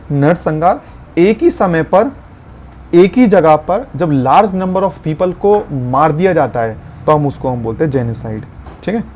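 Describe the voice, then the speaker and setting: A man explaining English vocabulary in a lesson, slowing down to spell out and stress key words. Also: on the high side, a little mellow, slight background noise.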